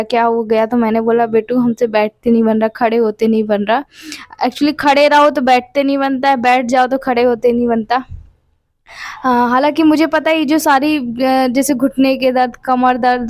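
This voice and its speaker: A woman in her late twenties talks straight to her viewers in a casual home vlog. She rambles warmly through her story, circling back and repeating herself, and her voice sits a bit higher than most women's. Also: fairly even intonation, normal speed, no room sound. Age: 20s. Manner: chatty, tells things at length with small repeats. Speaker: vlogger and mother.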